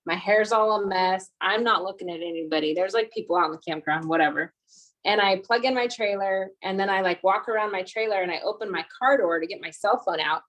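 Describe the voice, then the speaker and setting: A woman on a video call, chatting casually and telling a lively story to her meeting group, full of fillers. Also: medium pitch, brisk. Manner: chatty, animated, lots of fillers. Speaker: meeting participant.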